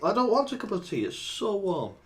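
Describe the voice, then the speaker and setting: Guy on a podcast, kinda high voice, bouncy, teasing and laughing a lot. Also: huge pitch swings, fairly quick. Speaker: podcast co-host. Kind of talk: casual chat.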